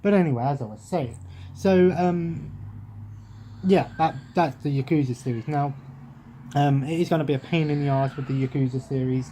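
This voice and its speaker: Chatting loosely from his home sofa into a close webcam, the young English gaming vlogger keeps losing the thread and restarting. His voice is a little high and dark-toned, at normal speed. Slight background noise sits in the recording.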